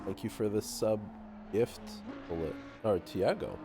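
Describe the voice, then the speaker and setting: Over music, a man with a cold and a nasal sound commentates a live sim race in a lowish voice at a measured pace. He is playful and giggly, laughing often.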